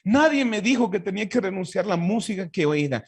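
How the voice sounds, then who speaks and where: A man's voice: high-pitched, expressive, brisk, breathy edge, no room sound. A Bolivian man with a Bolivian Spanish accent, a pastor telling his personal faith testimony in an earnest, heartfelt way with frequent restarts.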